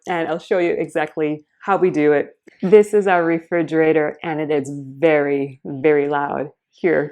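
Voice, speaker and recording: A woman's voice: deep voice, darkish tone. A woman vlogger talking casually and earnestly, explaining things step by step. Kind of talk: casual vlog narration.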